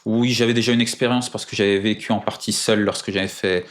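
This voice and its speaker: A man's voice: lowish voice, fairly even intonation, fast talker. A man being interviewed in casual chat, speaking in a careful, formal way with many hesitations, precise with numbers and dates. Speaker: guest.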